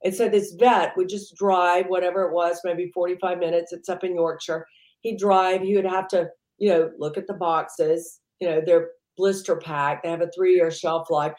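A woman with a lowish voice chats loosely as an interview guest, circling her points and filling gaps with "you know". The recording has a noticeable roomy echo. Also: level tone, normal speed, darkish tone. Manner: rambling, heavy use of "you know". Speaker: entrepreneur guest. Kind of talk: casual interview chat.

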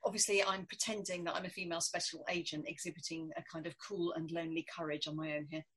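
A woman with a southern English accent and a husky voice, telling history stories conversationally as an interview guest. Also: on the low side, level tone, fast, a bit bright, slight background noise. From Essex, England. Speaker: historian and author, podcast guest.

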